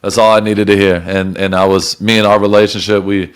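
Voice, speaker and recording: A young man hosting a casual podcast chat, animated, laughing often and swearing freely. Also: lowish voice, brisk, clean tone. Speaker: podcast host and football player.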